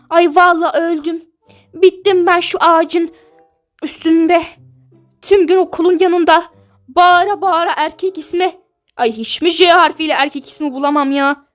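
A woman's voice: very high voice, a bit bright. A woman voicing a dreamy, defensive teenage girl in a toy-game role-play, whiny and protesting.

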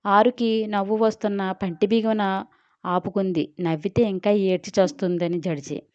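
A woman narrating an audio story with lively storytelling. Her voice is smooth and resonant, recorded close and dry with a slightly dull sound. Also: medium pitch, moderate pace, no room sound.

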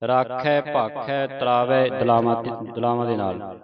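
Slow, measured male scripture teacher. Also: medium pitch, fairly even intonation, lo-fi sound. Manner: recites verses slowly, then repeats words to correct pronunciation. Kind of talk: slow recitation lesson with corrections. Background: class repeating words aloud.

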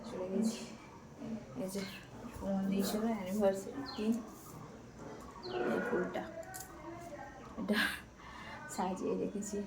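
A woman's voice: mid-range voice, flat delivery, unhurried, long pauses, noisy background. A woman chatting casually in a home vlog, speaking to viewers as friends and guiding a small child as she picks vegetables in the garden. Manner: instructs a small child while picking vegetables. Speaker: home vlogger. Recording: background music over the voice.

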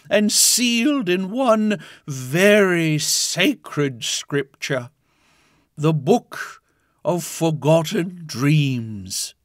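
Slow, high-pitched prophetic trance oracle. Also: male voice, no echo, studio quality, exaggerated voice. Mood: grave, foreboding. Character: solemn mystical animal oracle recounting ancient prophecy. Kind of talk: scripted animated fantasy storytelling.

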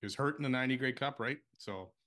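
Bright-voiced, easygoing man. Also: mid-range voice, quick pace. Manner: easygoing, hesitant with many uh fillers. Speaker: podcast co-host. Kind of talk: casual sports chat.

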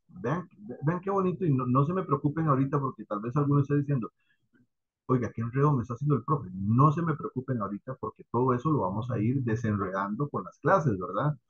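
The high frequencies are cut off in this recording of a man with a husky, mid-range voice and a Costa Rican accent. He teaches an online class, explaining patiently, speaking to students directly and checking in often with "¿verdad?" and "¿ok?".

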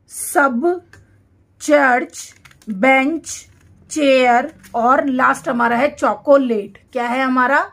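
A woman teacher, reading English words one by one for a dictation lesson and repeating each one clearly. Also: high-pitched. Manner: reads each word slowly and repeats it.

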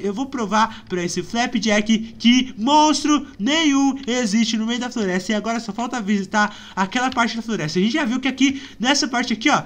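A man with a Brazilian accent doing let's play commentary, excitable and often breaking into frightened screams and cries. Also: very high-pitched. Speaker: gaming YouTuber.

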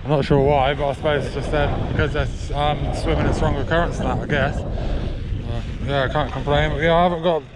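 A man's voice: on the high side, steady tone, brisk. A young man vlogging his fishing trip outdoors on a sea wall, talking in a rambling, chatty way into a handheld camera mic, with "but yeah" over and over. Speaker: angler vlogger. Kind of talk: casual outdoor vlog. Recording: loud wind noise outdoors. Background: wind and water.

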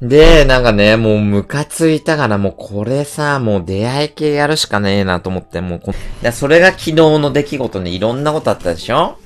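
Animated, rough-talking man ranting casually. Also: medium pitch, a little fast, few pauses, faint music behind. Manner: animated ranting storyteller, rough slangy speech. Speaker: livestreamer. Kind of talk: casual chat.

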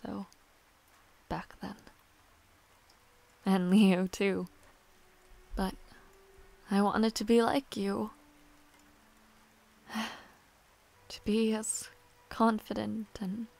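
A woman voices a proud but shy, tender young noble villainess for a romantic audio roleplay, her soft delivery formal and halting. The medium-pitched voice is creaky with fairly even intonation, and the mood is wistful and soft.

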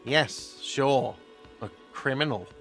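A man's voice: medium pitch, slow pace, a bit bright, faint music behind. An actor voicing an irritable, whiny male cafeteria manager in a video game, sounding exasperated.

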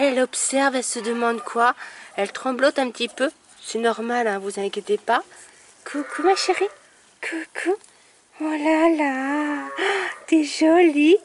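A dog breeder with a high voice chats casually to the camera outside by her kennel, cooing sweetly at the puppies in this vlog. A faint hiss or hum runs through the recording.

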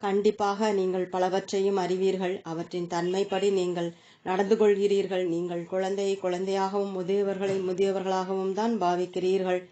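An earnest seeker asking about the mind and the self, voiced by a woman reader. The questions come in a plain, even way with a warm, relaxed tone. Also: mid-range voice, moderate pace, muffled recording, lightly acted. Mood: questioning.

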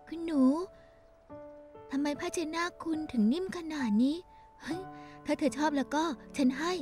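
A woman dubbing young women of a household in a TV drama, speaking in a soft, earnest, pleading way. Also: high-pitched, normal speed, faint music behind, close to an everyday voice. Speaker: Thai dub voice actress. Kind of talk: dubbed TV drama dialogue.

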